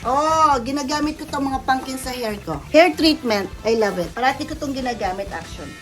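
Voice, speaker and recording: A woman's voice: high-pitched, fairly quick, soft background music. A middle-aged woman with a Filipino accent chatting effusively while unboxing gifts, switching between English and Tagalog. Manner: effusive, mixes English and Tagalog, thanks gift-givers. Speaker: vlogger. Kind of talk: casual unboxing chat.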